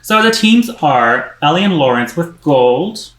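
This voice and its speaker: A man's voice: on the high side, sing-song, unhurried, very noisy. A man with a Dutch accent co-hosting a casual review chat, with dry, laid-back jokes. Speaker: podcast co-host. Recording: roomy echo.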